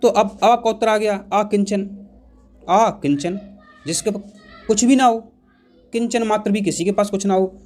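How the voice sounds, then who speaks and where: A man's voice: high-pitched, measured pace, long pauses, darkish tone. A man teaching an exam-prep grammar lesson, repeating key points and putting questions to the class. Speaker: Hindi teacher.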